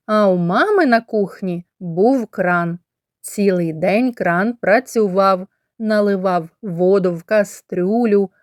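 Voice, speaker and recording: A woman from Ukraine working as a kindergarten teacher, leading a children's literacy lesson in slow, clear, drawn-out speech. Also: mid-range voice, a little mellow, no echo, studio quality.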